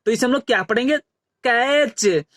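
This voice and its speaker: Very high male voice, patient phonics teacher who spells words out slowly, dry close recording. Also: fairly bright tone, no room sound. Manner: repeats questions and answers. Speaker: English teacher. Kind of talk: phonics lesson.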